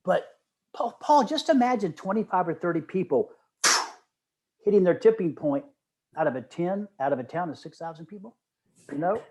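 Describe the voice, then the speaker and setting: A middle-aged man with a high-pitched voice, speaking at normal speed, is a lively interview guest. He tells stories casually and enthusiastically, often quoting others with emphasis.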